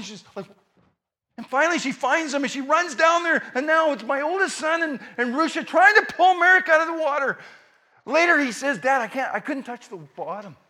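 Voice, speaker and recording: A middle-aged man preaching a sermon, telling stories dramatically and swinging from hushed lines to shouts. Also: very high voice.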